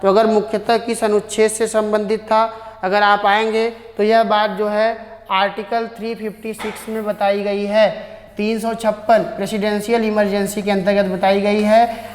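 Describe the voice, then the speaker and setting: A woman teacher going through exam questions one at a time, reading each English question slowly and then explaining the answer in Hindi. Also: medium pitch. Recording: echoey room with long reverb.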